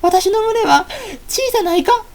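A proud but touchy maid, voiced by a woman in a comic storytelling piece, speaking with a Kansai accent. She sounds wounded and indignant, and her voice shoots up high and shrill. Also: lively intonation, unhurried, a little mellow, exaggerated voice.

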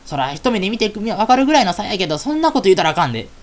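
A woman voicing a knowing, gossipy fairy girl who talks in a hushed, roundabout way with a Kansai accent. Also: mid-range voice, sing-song, very fast, lightly acted.

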